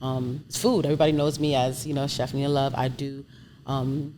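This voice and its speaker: A Brooklyn chef and entrepreneur in her thirties speaks as an interview guest, her voice extremely low and flat in delivery, running a little fast. She's candid and animated, laughing often, with noisy ambience behind her.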